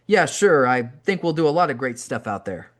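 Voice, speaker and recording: A man's voice: medium pitch, big pitch swings, moderate pace, fairly bright tone. A man voicing a friendly British male wrestler in a put-on British accent, read aloud in an audiobook.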